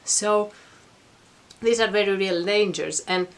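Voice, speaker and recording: Speaking slowly at a medium pitch, a middle-aged vlogger gives an informal explanatory talk to camera from her attic at home. She explains things earnestly and reflectively, as though thinking aloud to her viewers.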